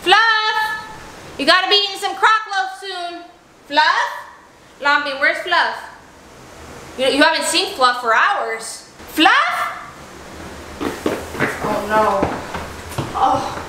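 A woman vlogger acting out a playful pretend-play story with her toy llamas, animated and full of gasps and exclamations. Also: sits high, unhurried, pauses often, a little hiss or hum. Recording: echoey room with music behind.

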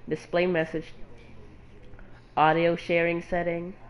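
A man's voice: on the high side, monotone, slow. A man hosting his own game stream, talking aloud in a scattered way as he works through settings and menus. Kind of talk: casual gaming chat.

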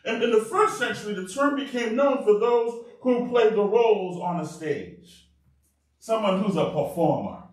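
A male pastor preaching a sermon in an animated way, calling out to the congregation for responses. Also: sits high, moderate pace. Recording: very echoey room, mic far off.

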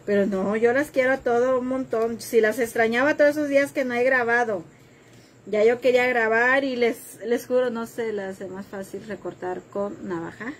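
Cutting away during a live crafting session, a woman talks with her audience, reads out their comments, and makes self-deprecating jokes. She speaks at a normal speed in a voice on the high side, with slight background noise behind her.

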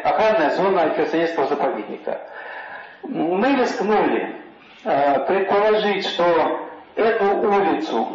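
High-pitched man in a very echoey room. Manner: halting, explanatory. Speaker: architect presenting a project. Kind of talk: slide presentation at a public council meeting. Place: meeting room, recorded on a dictaphone. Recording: very echoey, muffled dictaphone recording.

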